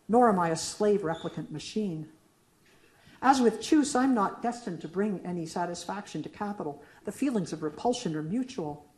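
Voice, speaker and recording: This middle-aged woman poet, medium-pitched and a little mellow, reads her own poetry to an audience. The lecture room is echoey, and she moves between a question-and-answer poem and casual asides between pieces.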